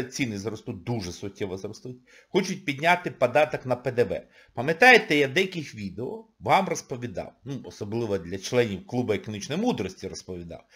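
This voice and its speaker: A man's voice: on the high side, sharp tone, slightly rough. A man, an economist, giving a sarcastic, scolding video monologue full of exclamations.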